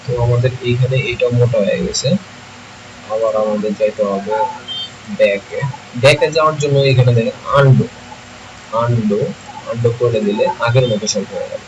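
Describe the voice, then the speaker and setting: A man, teaching software in a screen-recorded tutorial, thinking aloud and often checking that listeners follow. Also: mid-range voice, normal speed, long pauses, dull audio. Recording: noisy home recording.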